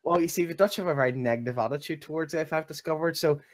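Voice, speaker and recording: A man's voice: on the high side, fast talker, natural voice. A man putting on a mock Dutch man in a playful, exaggerated accent.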